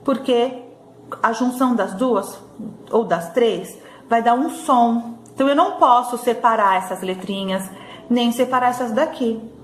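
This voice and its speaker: Teacher lady, kinda high bouncy voice, spells words out slow for little kids, echoey room. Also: slight background noise. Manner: slow syllable-by-syllable drilling, frequent "tá bom?" checks. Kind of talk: recorded remote class for young children. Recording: echoey room with faint ambience.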